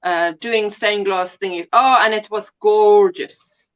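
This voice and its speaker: A woman's voice: mid-range voice, takes it slowly, lo-fi sound. A woman with a South African accent telling stories in a casual video-call chat, laughing often. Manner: animated storytelling, laughs often.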